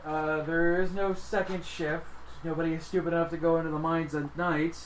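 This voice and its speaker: The game master playing a grumpy, flustered half-elf office clerk in a tabletop game, speaking in halting, stammering officialese. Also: medium pitch, flat delivery, roomy sound, slight background noise, close to an everyday voice, poor audio. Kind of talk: voiced tabletop game character.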